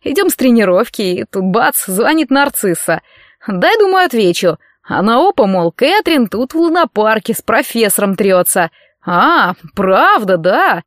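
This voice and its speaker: A woman's voice: fairly high pitch, big pitch swings, a little slow, no room sound, clean studio sound. A woman voicing a brutal, jealous young male football player who growls and sneers. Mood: menacing.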